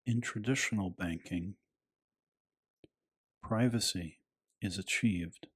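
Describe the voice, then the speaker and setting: A man with a low, breathy voice narrates a scripted bedtime piece, hushed and soothing in a soft-spoken ASMR style.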